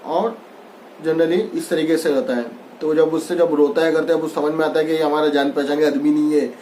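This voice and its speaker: A man's voice: on the high side, mellow, slight background noise. A man teaching a Hindi textbook lesson. He reads a line and then re-explains it loosely, mixing in English words. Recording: echoey room.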